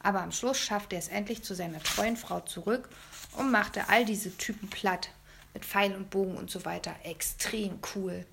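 A woman reading a first-person children's story aloud in a lively storytelling manner. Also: medium pitch, moderate pace, creaky, noisy background. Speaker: audiobook reader.

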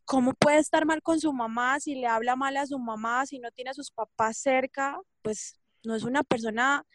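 A woman speaks with eager, animated enthusiasm in a casual radio chat. Her voice is high, and the sound is dry and close, with no room around it. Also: normal speed, no echo.

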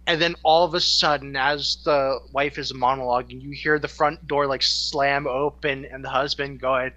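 A woman's voice: a bass voice, steady tone, moderate pace, pushed and bright, lo-fi sound. A woman in her thirties, a podcast co-host and writer, telling stories in a loose, profane, filler-heavy way. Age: 30s. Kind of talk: casual podcast chat.

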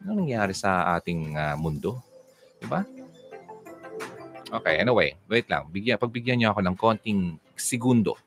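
A man's voice: fairly low pitch, normal speed, pauses often, soft background music. A man hosting a casual livestream, answering viewer comments and giving relationship advice in a chatty, teasing way. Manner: chatty, teasing, animated, switches into English.

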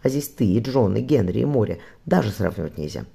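A man reading the lines of an eager young daughter in a spoken storybook, keeping his own gravelly voice. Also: fairly low pitch, big pitch swings, fairly quick, warm tone, heavily acted. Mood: earnest.

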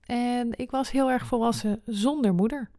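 A woman's voice: a little high, normal speed, mellow, no room sound, clean studio sound. A woman in her twenties hosting a personal podcast, speaking candidly and swearing freely. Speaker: podcast host.

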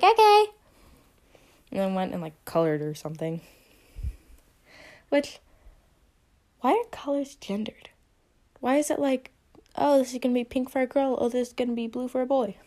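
A woman's voice: mid-range voice, darkish tone. Young woman rambling on her own podcast, says like constantly, super casual. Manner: chatty, rambling, heavy use of "like". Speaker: podcast host. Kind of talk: casual solo podcast monologue.

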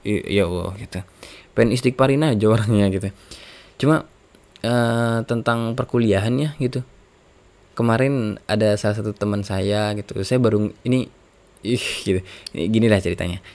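A man's voice: on the low side, normal speed, long pauses, darkish tone. A nineteen-year-old man talking in a rambling, casual monologue, with many fillers. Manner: rambling, many fillers like gitu, sighs ya Allah.

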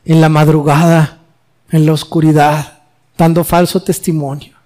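A man's voice: fairly high pitch, little pitch movement, measured pace, a little mellow. A male pastor preaching an expository sermon, reading scripture aloud and explaining it with emphatic, rising delivery. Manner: reads scripture then explains it, rising emphatically on quoted questions.

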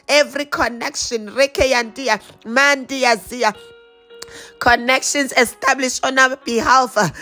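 Woman prayer leader, high voice, fervent slow declarations in tongues over faint music. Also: sharp tone. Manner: slow, rhythmic, repeated declarations.

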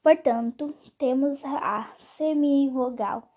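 A woman reading a grammar lesson aloud in a slow, halting way, restarting on some words. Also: high voice, dull audio.

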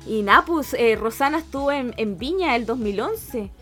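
Bright-voiced Chilean woman podcaster. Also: a little high, moderate pace, soft background music. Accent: Chilean Spanish. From Argentina, raised in Chile. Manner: laughs often, slangy and animated. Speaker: podcast co-host. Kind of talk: casual chat.

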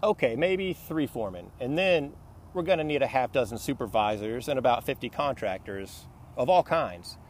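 A man's voice: medium pitch, animated, normal speed, a little hiss or hum, natural voice. A man voicing a businesslike woman executive who counts off needs in a matter-of-fact way.

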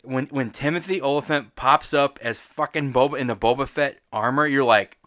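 A man's voice: mid-range voice, moderate pace, fairly bright tone, no room sound, studio quality. A man co-hosting a casual podcast, swearing, laughing a lot and calling everyone dude. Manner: profane, laughs often, says dude a lot. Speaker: podcast co-host.

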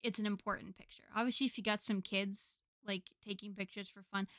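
A woman's voice: mid-range voice, fairly even intonation, brisk, a bit bright, no room sound, studio quality. A young American woman co-hosting a casual podcast, chatting with many fillers and laughing often. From United States. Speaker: podcast co-host. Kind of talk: casual chat.

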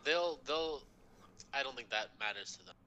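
A man with a very bright, sharp voice chats on a podcast, with faint noise behind him. He jumps in with quick replies and often restarts his sentences. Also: mid-range voice, expressive, lo-fi sound. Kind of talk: casual podcast chat.

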